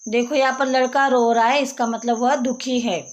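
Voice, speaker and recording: A woman's voice: high voice, flat delivery, normal speed. A woman teacher giving a patient lesson for young children, explaining and repeating each word and sound. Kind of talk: slow classroom lesson explaining a textbook page.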